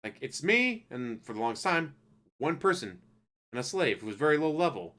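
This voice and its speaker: A man rants casually through a loose, profane spoken anime review, acting out characters in quick asides. His mid-range voice swings widely in pitch and sounds a bit bright.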